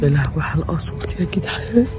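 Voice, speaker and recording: A young man with an Egyptian Arabic accent, narrating a spooky walkthrough in a hushed, frightened way. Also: on the high side, lively intonation, very fast. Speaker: vlogger. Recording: music playing underneath. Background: music.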